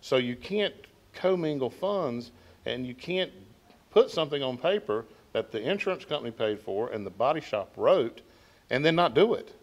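A man's voice: medium pitch, expressive, moderate pace. A man on a car-repair panel, speaking bluntly and directly on a handheld mic in a showroom. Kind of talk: panel discussion.

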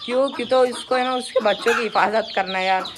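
In a casual pet vlog by his poultry pens, a man with an extremely high voice talks quickly over a noisy background of clucking hens and birds. He chats with viewers as if they were friends and now and then loudly coaxes or scolds his birds.

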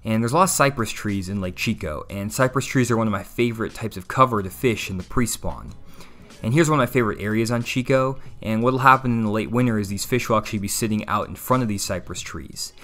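A young man, giving steady instructional voice-over on bass fishing. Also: fast. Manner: explanatory, steady walkthrough. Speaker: fishing channel host.

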